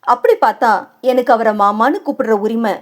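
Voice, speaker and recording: A woman voicing a calm, defiant young woman who speaks in a deliberate and pointed way. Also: fairly high pitch, natural voice.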